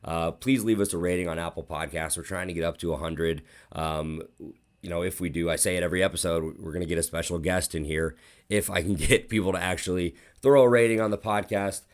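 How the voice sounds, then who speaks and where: A man's voice: sits low, fairly quick. Profane rambling sports podcast host, man. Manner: profane, rambling, animated storytelling. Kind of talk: casual sports podcast monologue.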